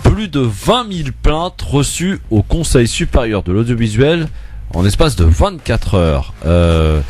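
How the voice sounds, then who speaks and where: A man hosting a casual radio talk show, asking guests lively, teasing questions with many fillers. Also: mid-range voice, measured pace, soft background music.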